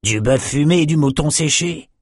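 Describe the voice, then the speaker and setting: A man's voice: fairly high pitch, moderate pace, slightly rough, no echo, clean studio sound, voice pushed up. A man reading a story plays a cheerful, bantering lone fisherman. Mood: jovial. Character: cheerful lone male fisherman, bare-chested.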